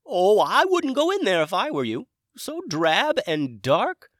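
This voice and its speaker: A high, airy old dragon wizard, genial and a little eccentric, chatting loudly with lively swoops in pitch. It sounds close and dry, storybook style. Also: male voice, measured pace, no room sound, heavily acted.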